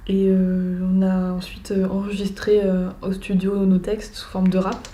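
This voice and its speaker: A young woman giving a personal testimony, pausing often and searching for her words. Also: medium pitch, completely flat delivery, mellow. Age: young adult. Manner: hesitant, many filler pauses. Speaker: young program participant. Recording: echoey room with faint noise.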